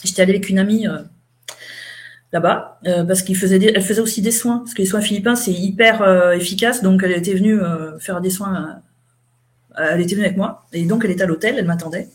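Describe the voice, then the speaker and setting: A woman's voice: mid-range voice, quick pace. A middle-aged woman, an interview guest, chatting casually as she recounts events and quotes what people said.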